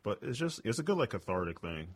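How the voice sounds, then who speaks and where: A stand-up comedian chats casually as an interview guest, his booming voice sing-song and fast. He rambles, packing in plenty of "like" and "you know."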